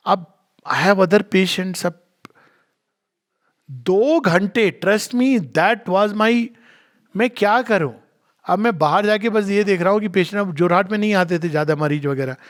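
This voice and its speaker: A middle-aged man with a fairly high voice answers questions in a spiritual discourse. He explains things earnestly and tells stories along the way. He moves freely between Hindi and English. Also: creaky.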